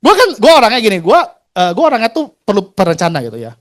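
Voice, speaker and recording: Lively high-voiced man telling stories. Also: quick pace. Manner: chatty, slangy, acts out quoted dialogue, laughs often. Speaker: insurance agent sharing his career story. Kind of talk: motivational storytelling talk.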